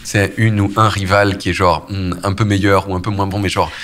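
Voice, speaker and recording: A man in his forties hosting a casual chat, relaxed and slangy, dropping lots of fillers and backchannel agreement. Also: sits low, brisk. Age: 40s. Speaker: host. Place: studio.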